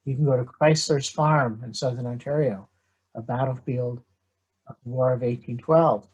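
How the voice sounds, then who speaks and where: A man's voice: mid-range voice, steady tone, normal speed, a little mellow, slightly rough, muffled recording. A middle-aged man, a history professor, giving an online lecture with dry, self-deprecating humor.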